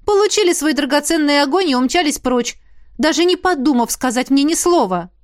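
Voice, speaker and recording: A woman's voice: sits high, expressive, brisk, dry recording, clean studio sound, pitched above the performer's own voice. A woman reading an audiobook, voicing a proud young female magic student who speaks sharply and indignantly.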